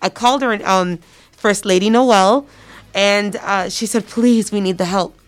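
A woman's voice: medium pitch, unhurried. A woman speaking as an interview guest, a community volunteer explaining things earnestly in a conversational way.

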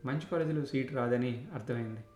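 A man's voice: mid-range voice, fairly quick, darkish tone. Man telling a memory, roomy sound. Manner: reflective, conversational. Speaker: narrator. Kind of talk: first-person storytelling. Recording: roomy echo with faint music.

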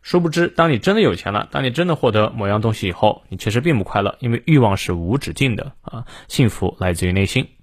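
Male English teacher with a lively, swinging voice and a dry close sound, who models each word slowly and clearly. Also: fairly low pitch, no room sound. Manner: lively, slow careful English readings with stressed words. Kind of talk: morning English lesson, explaining and modeling pronunciation.

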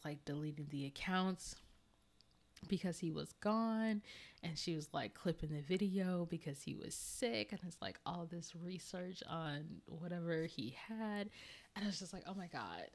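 Chatty woman podcast host, slightly low voice. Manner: chatty, laughs often, trips over words. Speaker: podcast host reviewing a movie. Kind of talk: casual chat.

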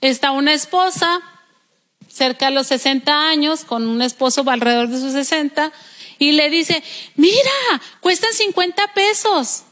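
A woman with a Mexican Spanish accent delivers a sermon from the pulpit, her voice set high. She tells stories and acts out the voices in them. The sound carries a long reverb from the church hall. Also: moderate pace, fairly bright tone. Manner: storytelling, acts out quoted voices. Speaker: preacher.

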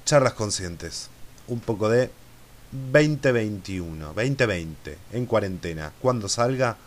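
A man with an Argentine accent and lisping s sounds, hosting a podcast casually in a drawn-out, dramatic way. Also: lowish voice, expressive. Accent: Argentine Spanish. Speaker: podcast host.

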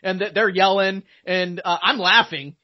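Man, high voice, rambling storyteller, muffled lo-fi audio. Casual podcast co-host. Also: fairly even intonation, moderate pace. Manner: rambling, many restarts and laughs.

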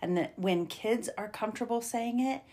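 A woman's voice: fairly high pitch, moderate pace, darkish tone. A woman hosting a podcast interview, affirming and enthusiastic toward her guest. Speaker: podcast host. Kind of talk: casual interview.

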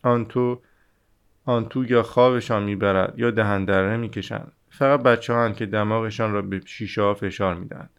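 A man's voice: on the low side, fairly even intonation, clear, resonant tone, muffled recording, lightly acted. A man reading the part of a weary railway switchman in an audiobook, dry and matter-of-fact.

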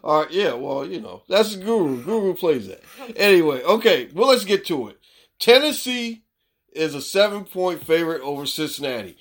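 A man co-hosting a casual sports podcast, animated and quick to laugh. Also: on the high side. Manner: laughs often, animated and teasing. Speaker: podcast co-host.

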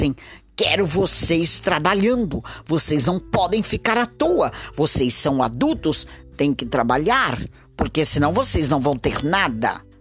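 A woman's voice: low voice, husky. A Brazilian woman voicing a stern, admonishing father in a children's folktale, as a kids show host would tell it. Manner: admonishing, instructive. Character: stern Japanese folktale father scolding young adults. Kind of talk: children's storybook narration.

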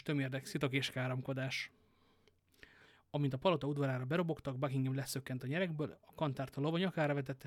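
A man reading a novel aloud, a lively storyteller who adds casual joking asides. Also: mid-range voice, no echo, clean studio sound. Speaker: audiobook reader.

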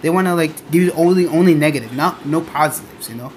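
Halting young podcaster on a noisy train. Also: mid-range voice, darkish tone. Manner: halting, repetitive, emphatic. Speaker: podcaster, online content creator. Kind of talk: casual rambling rant, podcast-like. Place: on board a train. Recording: noisy train ambience behind the voice. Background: train noise.

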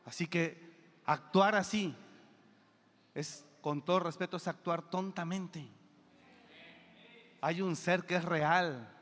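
Emphatic male pastor, high-pitched, booming one moment and murmuring the next, echoing hall. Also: slow pace, long pauses. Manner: emphatic, shifts between loud bursts and low asides. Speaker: preacher. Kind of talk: sermon. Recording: long reverb of a church hall.

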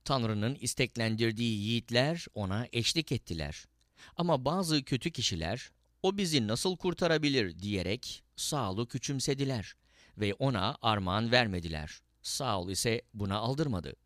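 Male Bible reader, animated delivery, dry studio sound. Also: lowish voice, moderate pace, dry recording. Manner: lively, lifts his voice for quoted speech. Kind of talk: scripted scripture reading.

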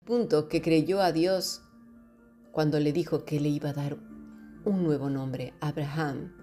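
Female preacher, low mellow voice, direct and teasing, soft music under. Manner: addresses listeners directly, mocks fearful voices. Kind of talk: sermon.

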